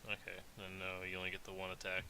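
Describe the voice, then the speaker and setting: A man narrating as dungeon master in a tabletop game, talking in a relaxed, rambling way with many fillers. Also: deep voice, fast talker. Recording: faint hiss.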